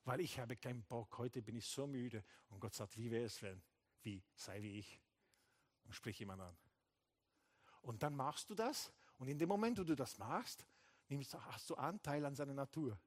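A man preaching a sermon as pastor, animated, acting out short dialogues and dropping English phrases into his German. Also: medium pitch, normal speed. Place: church hall.

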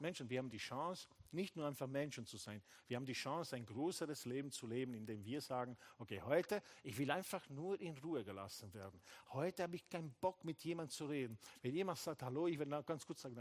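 A man preaching a sermon as pastor, animated, acting out short dialogues and dropping English phrases into his German. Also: medium pitch, brisk. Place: church hall.

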